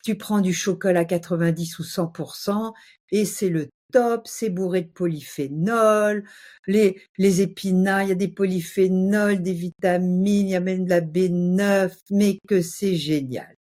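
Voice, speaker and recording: Emphatic low-voiced woman explaining. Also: unhurried. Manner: animated, emphatic, uses vivid exaggeration. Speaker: guest health speaker. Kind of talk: passionate casual explanation.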